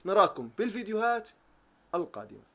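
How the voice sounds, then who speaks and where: A man's voice: sits high, big pitch swings, fast, pushed and bright. A young man, ranting animatedly about football as a vlogger, swearing oaths and mocking tactics talk. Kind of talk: excited football reaction rant.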